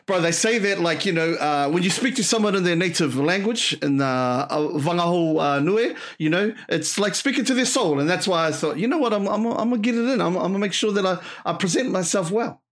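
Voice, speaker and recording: A man's voice: sits high, brisk, few pauses. A man chatting casually and slangily as a podcast host. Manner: slangy, says bro often. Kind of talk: casual chat.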